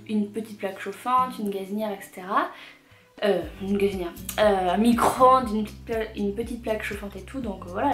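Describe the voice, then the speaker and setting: A young woman chats casually in an echoey room with music behind her. Her pitch sits in the middle, and a swollen tongue slightly impedes her speech. She rambles and corrects herself as she tells her story. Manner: halting, rambling, with repeated self-corrections. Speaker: vlogger telling a personal story. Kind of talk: casual storytelling chat to camera.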